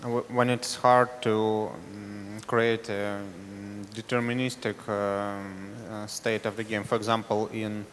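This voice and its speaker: A man in a conference audience asks a technical question, halting and full of fillers. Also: fairly low pitch, flat delivery, a bit bright, slight background noise. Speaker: audience member asking a question. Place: large conference hall. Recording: distant reverberant hall with faint ambience.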